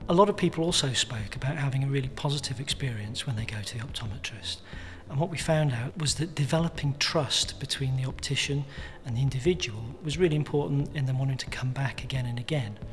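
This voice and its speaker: A man's voice: medium pitch, quick pace, few pauses. A man speaking as a charity spokesperson, formally explaining research findings. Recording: soft music bed behind the voice.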